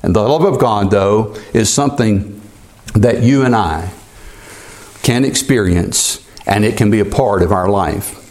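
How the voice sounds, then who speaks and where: A man in his sixties preaching a sermon to his congregation, climbing high on key words and dropping low to drive points home. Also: unhurried, darkish tone. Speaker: pastor.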